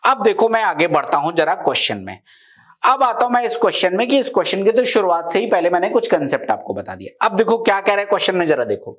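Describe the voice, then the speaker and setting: A man's voice: sits high, very animated, quick pace, fairly bright tone. A male maths teacher giving a live class, explaining each step and often checking that his students follow.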